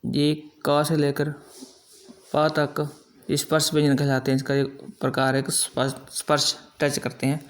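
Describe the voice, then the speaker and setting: A middle-aged man teaching a grammar lesson, explaining slowly and drawing out example sounds one by one. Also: a little high, completely flat delivery. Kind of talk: classroom-style grammar lesson.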